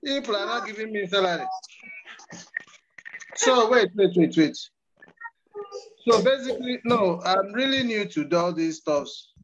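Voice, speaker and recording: A man's voice: high voice, lively intonation, measured pace, pauses often, a bit bright, slight background noise. A man with a Nigerian accent gives an informal, hesitant, joking off-the-cuff speech over an online call. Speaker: class association president. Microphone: online video call. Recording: muffled online call audio.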